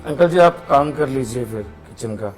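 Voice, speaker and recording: A man acting a kind young man who calmly pleads with his girlfriend in a melodramatic skit. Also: mid-range voice, loud music behind the voice, natural voice. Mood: pleading. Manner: pleading, soothing, talks quickly. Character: gentle, kind young man defending a servant. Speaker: actor in a short skit.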